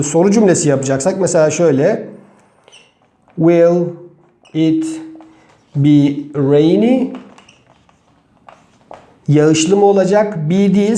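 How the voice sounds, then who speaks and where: Man teaching an online grammar lesson, high-pitched, mellow tone, deliberate word-by-word delivery, native Turkish speaker. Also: echoey room. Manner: slow, deliberate, spells out example sentences word by word. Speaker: English teacher.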